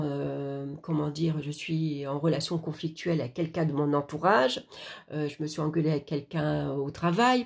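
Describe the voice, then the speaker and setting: Gravelly low-voiced woman teaching card reading. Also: darkish tone. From France. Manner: hesitant, many fillers and restarts, addresses viewer directly. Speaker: oracle card reader. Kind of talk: casual tutorial explaining a card reading.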